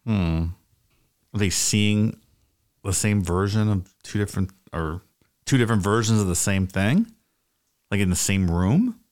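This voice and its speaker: Podcast co-host, low-pitched man, animated intonation, wry joker. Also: unhurried, long pauses. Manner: joking, wry asides. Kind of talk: casual chat.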